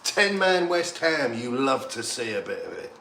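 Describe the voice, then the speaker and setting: A man, a little tipsy, giving excitable, rambling banter while streaming a football match. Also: mid-range voice, normal speed, creaky. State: slightly tipsy. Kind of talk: casual live match commentary. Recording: echoey room, faint background noise.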